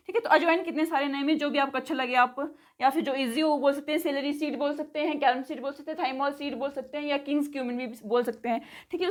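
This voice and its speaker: A woman giving a casual vocabulary lesson, repeating each word slowly, spelling it out letter by letter and checking in after each item. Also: sits high. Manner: says "theek hai" after nearly every item. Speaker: spoken English teacher.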